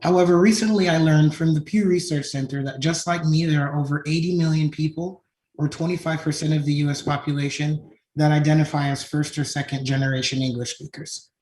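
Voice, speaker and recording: A tech company founder gives a conference talk presenting his company at a design conference, often closing points with a questioning "right?". His voice is on the high side, steady, brisk and a little mellow. The room echoes, with slight background noise.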